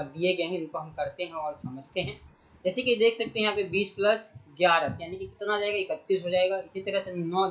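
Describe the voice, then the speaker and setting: A young man with a notably high-pitched voice teaches a primary school math lesson. He counts through each sum step by step and speaks straight to the pupils as he works. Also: fairly bright tone, low-quality recording. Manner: talks through sums step by step, addressing pupils directly.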